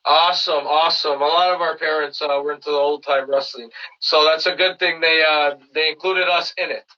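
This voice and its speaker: A man's voice: fairly high pitch, steady tone, brisk, sharp tone, distant mic, highs cut off. A man from Canada hosting a casual remote podcast interview, friendly and rambling with lots of fillers. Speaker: podcast host.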